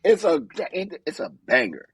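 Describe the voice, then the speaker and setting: A man's voice: a little high, very animated, normal speed, rough recording. A man co-hosting a podcast in casual chat, playful and teasing with a jokey edge. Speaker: podcast co-host.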